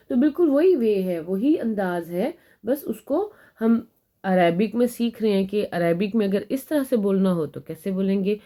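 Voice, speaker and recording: A woman teaching an Arabic grammar lesson, patiently explaining and reading example sentences slowly before translating them. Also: medium pitch, warm tone.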